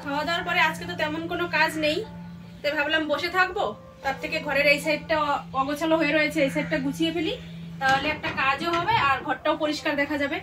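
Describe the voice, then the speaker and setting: A woman vlogger chatting casually as she shows viewers around her small tin-roofed home and tidies it up. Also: high-pitched. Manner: drops to a hushed voice while the children sleep. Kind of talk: casual home vlog narration.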